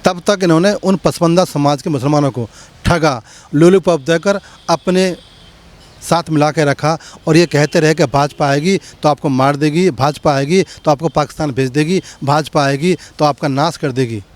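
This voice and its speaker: A man's voice: fairly high pitch, normal speed. A man, a community leader, answering interview questions in a rhetorical, impassioned speechmaking manner with many repetitions.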